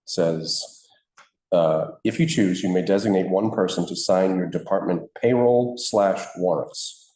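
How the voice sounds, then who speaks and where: A man's voice: deep voice, unhurried, warm tone. Man chairing a roomy town board meeting. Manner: procedural, reads documents aloud. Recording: roomy meeting hall mic.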